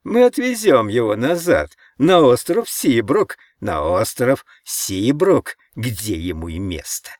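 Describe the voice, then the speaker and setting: A man voicing a hoarse, jeering mob of male trolls shouting through a window in an audiobook. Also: on the low side, takes it slowly, hardly any pauses, no echo, studio quality. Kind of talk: audiobook character voice.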